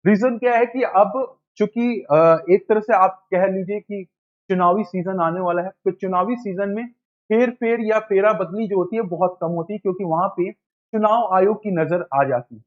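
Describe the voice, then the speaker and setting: A man's voice: sits high, moderate pace, highs cut off. A man teaching an exam coaching lesson, asking questions and answering them himself, calling his students "beta". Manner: quizzing, repeats answers back to himself. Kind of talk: classroom lecture for exam prep.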